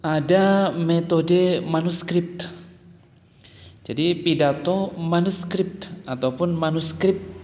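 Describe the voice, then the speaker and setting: A man with an Indonesian accent teaches a lesson on speech methods and speaks directly to his listeners. His voice sits a little high. A long hall reverb follows his words. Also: highs cut off, a little hiss or hum. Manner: explanatory, addresses listeners, frequent "nah" and "ya". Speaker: instructor. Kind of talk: explaining speech methods to an audience. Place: office or meeting room.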